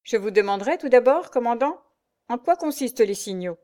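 A woman voicing a calm, polite young male nobleman who answers evenly and courteously in a read-aloud story. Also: on the high side, a little fast, voice pushed up, close to an everyday voice. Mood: composed.

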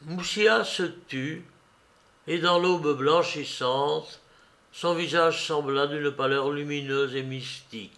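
A man narrating a literary novel as an audiobook in a slow, measured reading. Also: fairly high pitch, vocal fry, a bit bright.

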